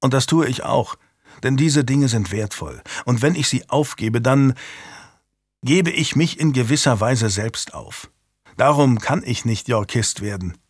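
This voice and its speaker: A man voicing a proud, defiant male lord who speaks in a sardonic, measured way, in a dry studio recording. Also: mid-range voice, dry recording, lightly acted.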